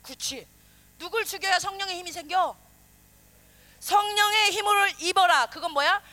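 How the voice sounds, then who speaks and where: High, bright-voiced woman preaching. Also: moderate pace. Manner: animated, questions the congregation, acts out quoted voices. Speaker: pastor. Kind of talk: sermon.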